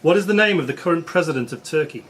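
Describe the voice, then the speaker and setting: Reading questions as quiz master at a live social club quiz, this man speaks fast and expressively with a fairly high pitch. The club room is noisy and so is the recording.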